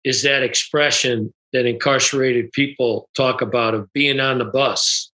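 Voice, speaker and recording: A man hosting a casual interview, gently asking follow-up questions. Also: medium pitch, fairly even intonation, unhurried, rough recording. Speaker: interview host.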